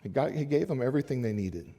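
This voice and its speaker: A man's voice: mid-range voice, animated, quick pace, dark tone. A man preaching a sermon, reading scripture and retelling it in plain, joking everyday speech with chuckles between verses. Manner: casual, joking asides with laughs.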